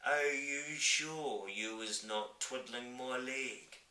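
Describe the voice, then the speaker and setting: A man voicing a very old, gentle male giant who mangles his grammar and invents words, speaking slowly. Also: mid-range voice, a little hiss or hum, pitched above the performer's own voice. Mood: wistful. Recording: roomy, from a distant mic.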